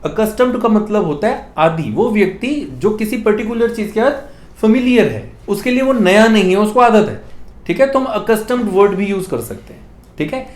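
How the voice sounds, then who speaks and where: A man's voice: sits high, normal speed, echoey room. A man teaching an English grammar lesson in a classroom, telling jokey stories and asking students to repeat after him. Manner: animated, jokey storytelling with student call-and-response.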